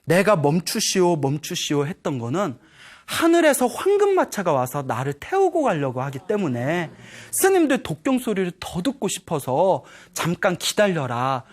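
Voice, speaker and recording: A man doing a hushed, solemn dying old father. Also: sits high, huge pitch swings, normal speed, full character voice. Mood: soothing.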